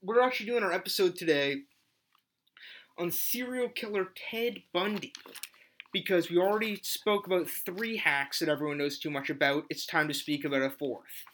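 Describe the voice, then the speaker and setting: A man co-hosting a casual comedy podcast, talking sarcastically with halting restarts. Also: sits high, a bit bright. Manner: sarcastic, mock-reading a letter with halting restarts. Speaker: podcast co-host.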